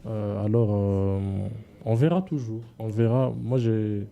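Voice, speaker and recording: A man's voice: fairly low pitch, takes it slowly, vocal fry, muffled recording. A man from DR Congo with a Congolese accent, answering casually as a guest artist, hesitating and slipping between French and Swahili.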